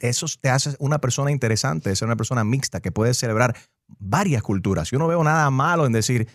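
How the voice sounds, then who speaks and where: A man's voice: medium pitch, expressive, a little fast, dry recording, clean studio sound. A man hosting a radio talk show, chatting conversationally and taking callers. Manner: conversational, takes callers, thinks aloud with fillers. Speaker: radio host.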